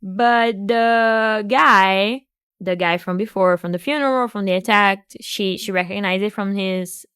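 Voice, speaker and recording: A woman's voice: on the low side, fairly bright tone, clean tone, no room sound, clean studio sound. A woman hosting a video, giving a casual recap of a film and book with joking asides and restarts. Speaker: video host.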